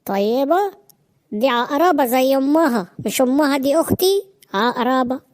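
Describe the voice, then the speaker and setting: A dramatic, overbearing cartoon mother in an Egyptian Arabic accent, voiced by a woman. Her voice is fairly high. She nags and guilt-trips. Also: animated, moderate pace, darkish tone. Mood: scolding. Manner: melodramatic, nagging. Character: overbearing middle-aged mother, dramatic and tearful.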